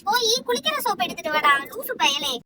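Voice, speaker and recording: A woman's voice: very high voice, sing-song, fast talker, crowd noise. A woman with a Tamil accent narrating a doll play as a fussing, teasing mother who scolds the children.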